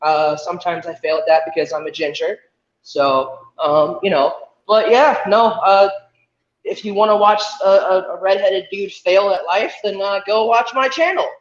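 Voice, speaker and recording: A man's voice: high voice, fairly even intonation, moderate pace. Young man echoing as if inside a well. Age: 20s. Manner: self-deprecating, rambling. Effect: echoey sound as if inside a well. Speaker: livestream guest. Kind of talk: casual chat. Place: hotel room on weak Wi-Fi. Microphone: video call. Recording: echoey, dull lo-fi call audio.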